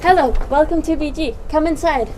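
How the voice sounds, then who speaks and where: Young female student guide, raised in Switzerland, higher pitch. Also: a little fast, noisy background. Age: young adult. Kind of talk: scripted school tour.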